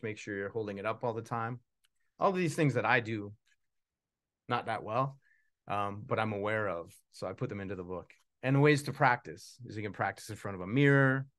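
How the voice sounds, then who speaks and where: In a small indoor room with a puppet stage, a puppeteer and author in his forties chats casually at a live book launch, rambling and poking fun at himself. His voice sits fairly low in pitch but carries a fairly bright tone.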